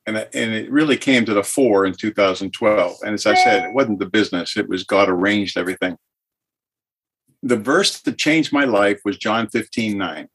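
A man's voice: fairly low pitch, moderate pace, a bit bright, slightly rough. An older man speaking as a podcast guest, earnest and heartfelt, talking openly about faith. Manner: earnest, heartfelt, emotionally open. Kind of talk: podcast interview.

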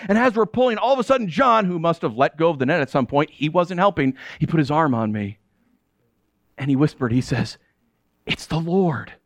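A man gives a dramatic first-person sermon, speaking as a disciple retelling his own story. His voice sits fairly high and sounds dry and close. He moves from hushed, weary lines to exasperated outbursts. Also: lively intonation, a little fast, no room sound. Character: the apostle Peter telling his own story. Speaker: pastor.

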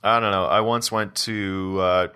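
A man co-hosting a podcast in casual chat, with a wry, joking delivery and quick asides. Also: sits low, fairly even intonation, bright, forceful tone, smooth. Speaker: podcast co-host.

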